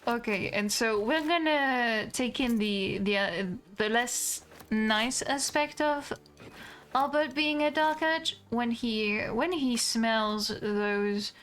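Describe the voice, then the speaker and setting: A woman's voice: fairly high pitch, slow, a bit bright. A woman giving casual commentary as she streams a game, chatty and swearing freely as she explains her character's thoughts.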